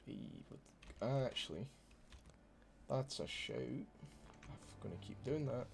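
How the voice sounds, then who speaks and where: Taking it slowly, a gravelly-voiced man from Scotland gives expressive, casual commentary while gaming on stream. His voice is mid-range, and he swears openly and banters with the audience. A little hiss or hum runs underneath.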